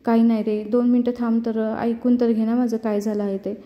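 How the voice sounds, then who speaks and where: A woman's voice: fairly high pitch, little pitch movement, fairly quick, muffled recording, close to an everyday voice. A woman voicing an apologetic young policewoman who sounds short of breath, heard with long reverb.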